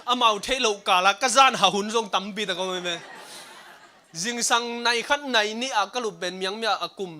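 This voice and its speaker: A man preaching a sermon at a church service streamed online, talking in an animated way and laughing now and then. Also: high-pitched, brisk, slight background noise.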